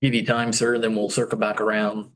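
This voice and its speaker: A man presiding over a town council meeting, calling agenda items and votes in a relaxed, polite way. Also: on the low side, rough recording. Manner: relaxed and polite, moves items along briskly. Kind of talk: procedural meeting chairing.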